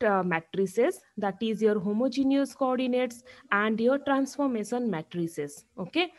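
A woman lecturer with an Indian accent and a slightly high voice. She explains step by step in a classroom lecture style, like a professor teaching from slides, and often checks in with a short tag question. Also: darkish tone.

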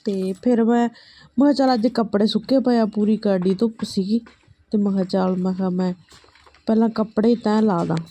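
A woman's voice: medium pitch, fairly even intonation, a little fast, dark tone. A woman with a Malwai Punjabi accent narrates her daily chores in a casual, chatty, homely vlog style. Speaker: family vlogger.

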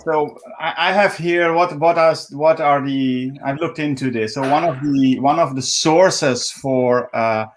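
On a video call from home, a middle-aged native Dutch man with a Dutch accent livestreams an informal screen-share walkthrough. His voice sits on the high side, and he halts, repeats words and restarts often, with a little hiss or hum on the video call microphone.

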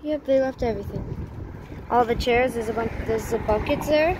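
A woman with a slightly high voice films on her phone while walking, exploring abandoned buildings by a roadside and inside an empty shop. At a moderate pace she narrates casually, repeating herself and exclaiming in astonishment, with outdoor noise clear on the audio.

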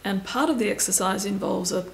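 A woman stretching instructor giving calm, step-by-step cues and counting down holds. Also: mid-range voice, fairly quick, gravelly, roomy sound, a little hiss or hum, poor audio. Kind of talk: guided exercise instruction.

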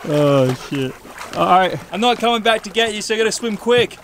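A young man talks casually from a sailboat cockpit, his voice a little high. He swears and gets excited easily. Clear wind and sea noise sit behind him. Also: brisk. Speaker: sailing vlogger, skipper. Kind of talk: casual vlog chat. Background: wind and water.

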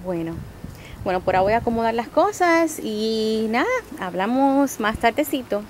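A young Dominican woman narrates her camping vlog casually and upbeat, full of fillers, her voice on the high side, expressive, at a normal speed. She films on a handheld camera outdoors at a campground and pool, with loud ambient noise and a crowd around.

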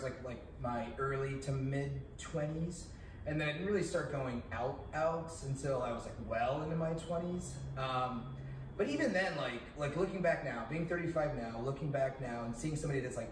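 A man in his thirties talking reflectively in a casual chat among friends, with many fillers and restarts. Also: mid-range voice. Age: 30s. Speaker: guest in a friends' discussion. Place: living room. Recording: echoey room, distant mic, background hum.

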